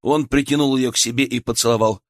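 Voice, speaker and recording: A man narrating an audiobook in a measured, dramatic storytelling manner. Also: medium pitch, fairly even intonation, no room sound, clean studio sound. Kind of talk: scripted narration.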